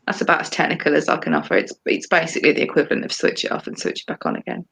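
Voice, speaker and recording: A woman's voice: deep voice, sing-song, racing, gravelly, fairly bright tone, slight background noise. A woman co-hosting a casual livestream discussion over a video call, rambling and hesitant with many ums. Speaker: co-host.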